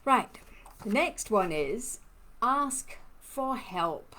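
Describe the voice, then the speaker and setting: Her voice is fairly high, bright and forceful, animated in delivery with drawn-out words. She is a Trinidadian lymphoedema therapist whose accent is a hard-to-place mix, chatting personally on a live stream, responding to viewers and laughing often.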